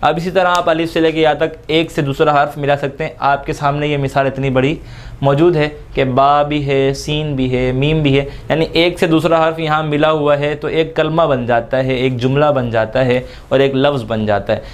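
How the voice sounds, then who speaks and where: A man's voice: on the high side, flat delivery, normal speed. A man teaching Quran reading, patiently drawing out each letter sound between step-by-step explanations. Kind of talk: slow step-by-step recitation lesson.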